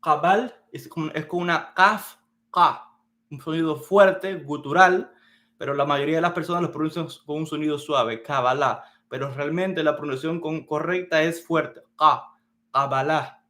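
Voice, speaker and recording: A man's slightly high, bright and forceful voice leads an introductory lesson on Kabbalah. He works slowly and methodically at a whiteboard, going back over key terms as he explains each one.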